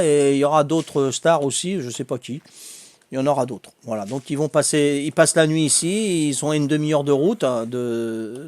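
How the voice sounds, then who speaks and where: A man's voice: on the high side, dry recording. An older man from Corsica, telling funny anecdotes to his stream viewers in a chatty way and laughing at his own stories. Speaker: game streamer. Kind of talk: casual storytelling to stream viewers.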